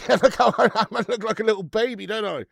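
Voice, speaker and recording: A man's voice: high voice, fast talker, gravelly, no echo, studio quality. A man, hosting a football watch-along and bantering with chat, laughing and swearing freely. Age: 30s. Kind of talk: casual live-stream chat.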